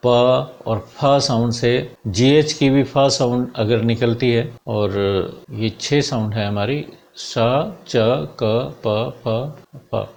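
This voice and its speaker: A man teaching English phonetics to students, slowly drilling example words one by one. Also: mid-range voice, creaky, a little mellow. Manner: addresses students directly as dear students. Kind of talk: classroom explanation in Hindi with English terms.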